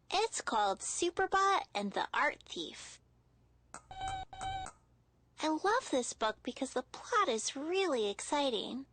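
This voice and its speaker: High-voiced woman explaining slowly to children. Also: fairly bright tone. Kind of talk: scripted children's educational narration.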